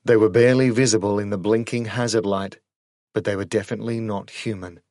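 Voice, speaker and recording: A man's voice: lowish voice, steady tone, brisk, a little mellow, no echo. Man narrating a horror audiobook, dry studio sound.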